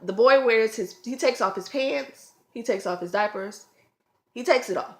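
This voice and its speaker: A woman, a mother and vlogger, telling a casual storytime at home with loud, animated acted-out quotes and screams. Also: a little high, moderate pace, roomy sound. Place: home, room with children around.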